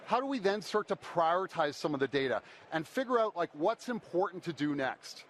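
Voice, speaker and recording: A man's voice: fairly high pitch, big pitch swings, a little fast. A man giving a podium speech as a conference presenter, explaining step by step and posing questions that he then answers. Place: conference stage. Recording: faint background noise.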